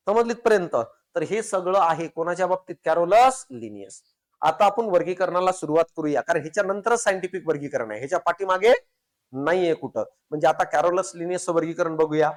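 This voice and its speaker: A man teaches a class in a fairly high voice. He fires rhetorical questions at his students and stretches out each technical term, repeating it slowly. He lightens the lesson with joking everyday examples. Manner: slows down and repeats technical terms syllable by syllable; casual, joking street examples. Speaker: science teacher for competitive exams. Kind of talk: classroom lecture.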